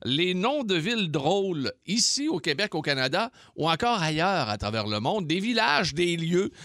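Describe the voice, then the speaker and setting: A man with a Québécois French accent hosting a radio show, bantering and reacting with quick laughs and interjections. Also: high voice, very animated, a bit bright, dry recording, clean studio sound.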